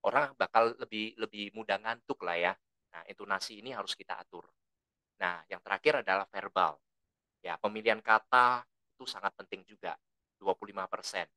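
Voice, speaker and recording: Male trainer, bright mid-pitched voice, dry close sound, relaxed lecturing delivery that leans toward loudness. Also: brisk, no echo. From lived abroad for a long time. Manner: relaxed, explanatory, tags sentences with "ya"; says his own volume tends to run loud. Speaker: presentation skills trainer.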